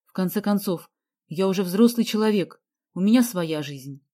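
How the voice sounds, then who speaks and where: A woman's voice: mid-range voice, expressive, normal speed, dark tone, close to an everyday voice. A woman voicing a sullen, guarded young man in an audiobook. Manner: gloomy and curt.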